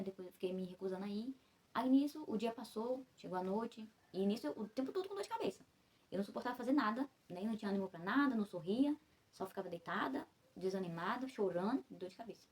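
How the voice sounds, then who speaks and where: A woman's voice: medium pitch, animated, quick pace, darkish tone, breathy edge. A young woman from Brazil recounting a personal story in a rambling way, full of fillers and self-corrections, while recovering after childbirth. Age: young adult. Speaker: vlogger.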